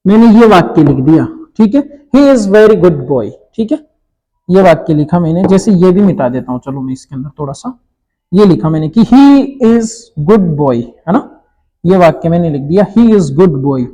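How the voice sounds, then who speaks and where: High-ish warm voiced guy, teaching kids grammar slow and patient. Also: low-quality recording. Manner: explains slowly, repeats checks like "theek hai" to children. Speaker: English teacher. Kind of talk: classroom grammar lesson.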